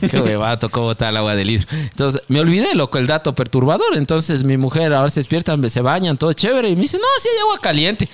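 A man hosting a podcast in casual chat, slangy and animated, tacking "loco" onto his sentences. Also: quick pace, hardly any pauses. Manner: mimics others in high-pitched voices. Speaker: podcast host.

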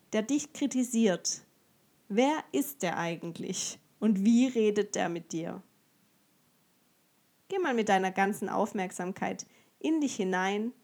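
A woman, a yoga teacher and coach, calmly guiding listeners through a coaching exercise with many gentle questions and frequent light laughs. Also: fairly high pitch. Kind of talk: guided coaching exercise, podcast.

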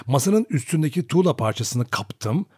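A man reading a novel aloud as narrator, in an expressive, dramatic storytelling manner. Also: mid-range voice, normal speed, husky, no room sound, clean studio sound. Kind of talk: audiobook narration.

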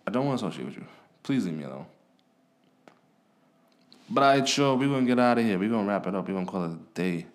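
A man hosts his own podcast in a loose, profane rant. His pitch swings a lot as he talks, and his delivery stays blunt and animated. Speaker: podcast host. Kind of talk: casual ranting monologue.

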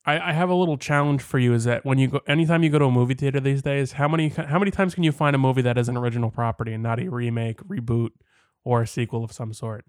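A man's voice: medium pitch, fairly even intonation, fast talker, clear, resonant tone, no echo, clean studio sound. A man co-hosting a casual podcast chat, wry and dismissive as he talks about movies. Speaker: podcast co-host.

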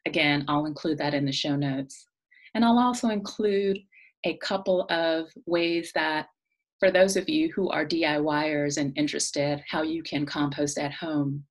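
A woman's voice: low-pitched, fairly even intonation, measured pace. A woman hosting a podcast, chatting casually with fillers and introducing her guest. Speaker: podcast host.

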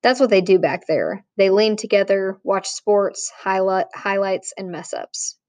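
A woman reading a novel aloud in a plain, measured way, with small restarts. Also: mid-range voice, a little mellow, dry recording. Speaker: audiobook narrator. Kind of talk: audiobook reading.

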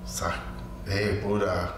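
A man who is not a native German speaker, slowly telling a personal story in broken German as an interview guest, full of pauses and quoted dialogue. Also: low voice, level tone. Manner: slow, hesitant, with many fillers and quoted dialogue. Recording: very echoey room with faint background noise.

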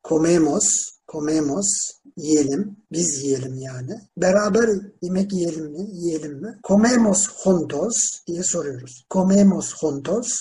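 A teacher giving a slow Spanish lesson in a classroom, spelling words out letter by letter with town names and repeating verb forms. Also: medium pitch, animated, warm tone, a little hiss or hum. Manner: drills verb forms slowly and repeats them. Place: classroom with students.

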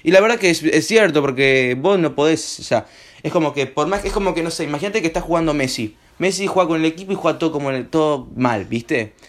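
Talking fast and animatedly, this young host of a homespun radio show speaks with an Argentine Spanish accent in a slightly hoarse, higher-pitched voice. His delivery is loose and slangy, wandering around with lots of filler words.

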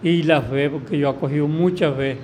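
Guy sharing his church testimony, plain simple talk, kinda high voice, faint hiss. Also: normal speed, a little mellow. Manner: simple, plain-spoken, short answers. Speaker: church member giving testimony. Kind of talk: casual religious testimony.

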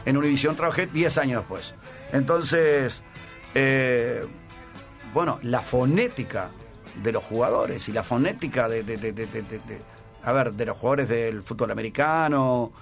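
A man's voice: medium pitch, unhurried, gravelly, soft background music. An older man with a Rioplatense accent, a former sports broadcaster, telling anecdotes casually in a radio interview and often repeating words as he searches for the next one. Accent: Rioplatense Spanish.

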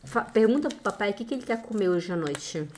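A Brazilian woman, likely in her thirties, who is a mother giving a casual family language lesson with slow emphatic repetition and frequent laughter. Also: mid-range voice, animated, background noise. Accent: Brazilian Portuguese.

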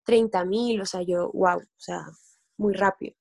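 A young Colombian woman from the Caribbean coast, a content creator appearing as a guest, chats through a casual interview in a creaky, medium-pitched voice, speaking a little slowly. She livens things up by acting out what people said in vivid voices.

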